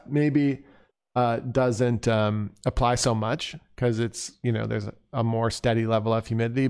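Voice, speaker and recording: A man talks through his notes on a piping performance in a loose, conversational way, drifting off on side thoughts. His voice is smooth and clear, at a middling pitch. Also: darkish tone. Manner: conversational and digressive, thinking aloud. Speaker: bagpipe instructor. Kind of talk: casual spoken performance critique.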